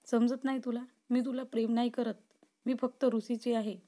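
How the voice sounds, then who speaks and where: A woman's voice: fairly high pitch, flat delivery, normal speed, warm tone, close to an everyday voice. A woman voicing a frightened young woman held captive, tearful and pleading yet defiant, in a storybook reading.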